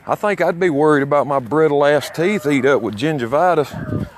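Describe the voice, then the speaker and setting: Pitch swooping wildly in a slightly high voice, at a moderate pace, an Alabama man with a Southern accent delivers rambling, coarse, folksy brags on camera as an amateur vlogger. He walks along small-town streets outdoors, and the noisy recording catches traffic and passing vehicles.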